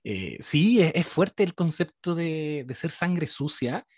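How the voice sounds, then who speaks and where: A man's voice: on the high side, slow, slightly rough, no echo, clean studio sound. A man with a Chilean Spanish accent in a casual podcast chat, joking and often correcting himself. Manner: lively, joking, self-correcting.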